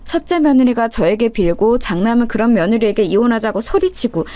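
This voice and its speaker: Brief: woman story narrator, slightly high voice, steady delivery, dry close mic. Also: brisk, no room sound. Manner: steady, matter-of-fact storytelling. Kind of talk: scripted first-person story narration.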